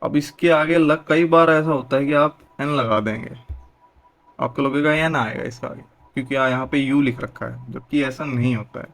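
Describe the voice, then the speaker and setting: Young guy teacher, explains grammar slow and patient, asks then answers himself. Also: mid-range voice, gravelly, fairly bright tone.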